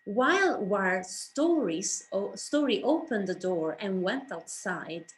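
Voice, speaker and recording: A writer and director who speaks English as a second language tells a story to an audience during a presentation, theatrically acting out the dialogue. Her medium-pitched voice is animated and unhurried, captured on a rough recording.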